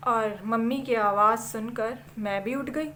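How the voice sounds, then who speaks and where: Slow, dramatic woman storyteller. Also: on the high side, sharp tone, a little hiss or hum. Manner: dramatic, with pauses and repeated words. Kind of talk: oral storytelling of a childhood memory.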